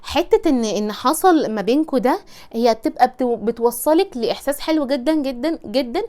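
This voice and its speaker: A woman's voice: high voice, lively intonation, a little fast, dark tone. A woman with an Egyptian Arabic accent giving frank advice to women in a chatty, teasing way, acting out little scenes as she talks. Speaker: advice vlogger.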